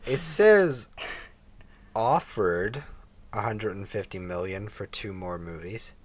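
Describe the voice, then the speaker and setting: A man's voice: on the low side, lively intonation, slow, slight background noise. Joking, laughing male podcast co-host. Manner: laughing, joking banter with frequent restarts. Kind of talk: casual chat. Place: home basement.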